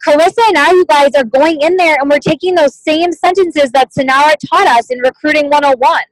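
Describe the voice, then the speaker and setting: Running a motivational sales team meeting, a woman with a high, bright voice chats casually and sprinkles in plenty of "like" and "you guys." She talks a little fast. The sound is close and dry, with no room sound and poor audio, as though picked up by a computer mic on a video call.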